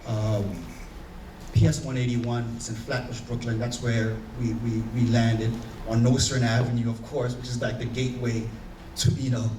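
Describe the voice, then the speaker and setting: Speaking with a Haitian accent, a male panelist reflects personally in a conference room, earnest and searching, often using fillers and starting over. His medium-pitched voice is flat at a normal speed, and it sounds distant and echoey against a noisy background.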